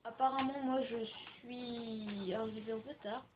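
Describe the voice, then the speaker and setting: A woman's voice: fairly high pitch, steady tone, unhurried, lo-fi sound, a little hiss or hum. A young woman rambling casually through gaming commentary, with frequent filler words, into a home computer microphone. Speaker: gaming video maker.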